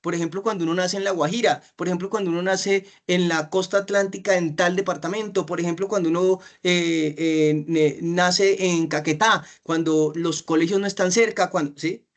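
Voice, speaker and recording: A man's voice: sits high, steady tone. A man with a Colombian accent teaching an exam-prep class, asking questions, stretching out key phrases and often checking "¿sí?". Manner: slows down to stress key phrases.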